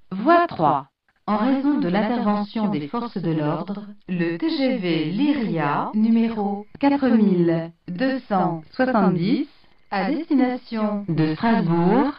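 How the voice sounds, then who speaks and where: A woman making a formal train station announcement over a loudspeaker, in a measured, polite, even delivery. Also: a little high. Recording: echoey distant dull station loudspeaker.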